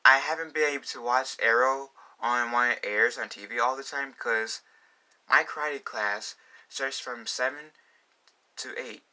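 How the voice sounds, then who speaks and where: A man's voice: medium pitch, a little slow, bright, forceful tone. A young man talking casually in a fan vlog, rambling with many fillers and restarts. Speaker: vlogger.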